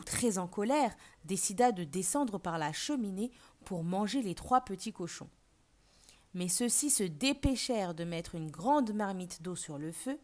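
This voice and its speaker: A woman teacher reading a fairy tale aloud for learners, then asking questions and reading a vocabulary list. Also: mid-range voice. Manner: clear, deliberate, expressive reading. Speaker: French teacher. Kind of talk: slow storybook narration and vocabulary lesson.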